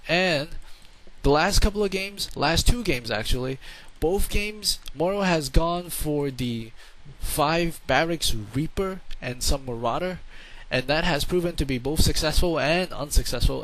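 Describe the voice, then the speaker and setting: A man's voice: a little high, a bit bright, poor audio. A man giving casual, rambling play-by-play commentary on a strategy game into a home microphone, often repeating words for emphasis.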